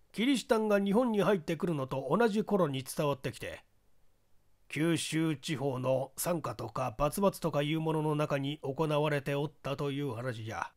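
A man voicing a portly, self-important older police chief who drawls in Kyushu dialect. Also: fairly high pitch.

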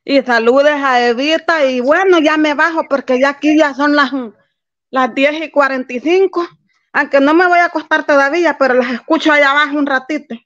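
A woman's voice: high voice, normal speed, fairly bright tone, dull audio. A woman calling into a live stream, earnest as she tells a personal story. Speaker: guest caller. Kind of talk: casual chat on a live stream.

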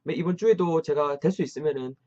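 A man teaching an online English lesson, energetic and encouraging as he drills phrases aloud. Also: a little high, quick pace. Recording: slightly dull lo-fi sound.

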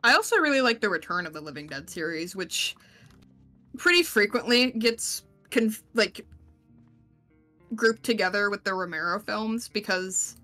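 A woman's voice: medium pitch, expressive, moderate pace, pushed and bright, soft background music. A woman guest co-playing a game on stream, chatting in a laid-back manner with dry asides. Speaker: guest co-player. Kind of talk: casual gaming chat.

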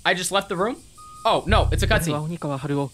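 A young man playing a horror game and commenting, loud and excitable, joking and yelling at scares. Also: a little high, moderate pace, crowd noise. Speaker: gaming YouTuber. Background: game music.

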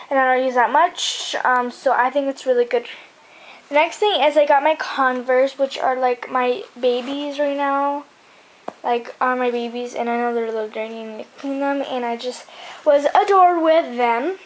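A woman's voice: sits high, a little hiss or hum, poor audio. A young woman vlogger chatting about her favourite beauty products, rambling with lots of fillers and restarts. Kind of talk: casual chat.

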